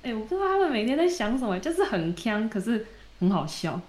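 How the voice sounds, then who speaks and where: Animated woman telling a story. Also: on the high side, fast. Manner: animated retelling that acts out quoted dialogue. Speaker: podcast co-host. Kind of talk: casual storytelling chat.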